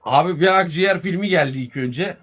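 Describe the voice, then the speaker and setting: A man, telling a story casually on a live stream, animated and full of swearing and reported speech. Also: fairly high pitch, a little fast, husky. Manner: profane, animated retelling with much reported speech.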